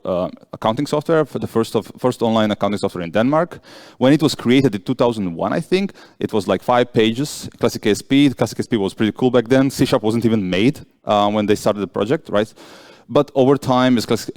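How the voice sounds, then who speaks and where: A man's voice: on the low side, a little mellow, no echo, studio quality. A man from Croatia giving a technical conference talk, chatty, with jokey asides and frequent self-corrections. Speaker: conference speaker.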